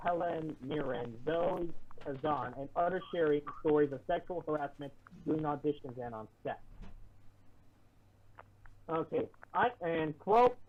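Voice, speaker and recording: A man's voice arrives muffled, as if through a wall. It sounds thin and phone-like from a mic set well away, with faint hiss and popping. He reads haltingly and restarts often, with snide asides. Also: on the high side, far from the mic. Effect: muffled, as if heard through a wall. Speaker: online show co-host reading an article. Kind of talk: reading aloud with sarcastic asides.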